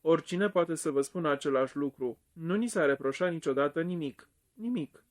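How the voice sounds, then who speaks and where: A man voicing a nervous, servile butler in an audiobook, speaking low and respectfully. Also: close to an everyday voice. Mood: pleading. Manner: low, respectful, keeps saying sir. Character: nervous middle-aged male butler, servile.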